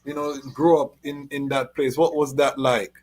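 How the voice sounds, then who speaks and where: A man hosting a podcast interview, relaxed, asking questions in Rasta phrasing. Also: mid-range voice, moderate pace. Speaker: podcast host.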